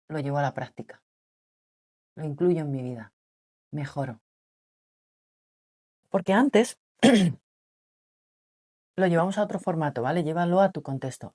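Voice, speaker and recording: A woman speaks to camera in a deep, slightly husky and mature voice. She keeps her tone deliberately soft and reflective, often turning to the listener with rhetorical questions. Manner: speaks softly and lowered on purpose, asks the listener rhetorical questions. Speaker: vlogger on relationships. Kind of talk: reflective personal talk to camera.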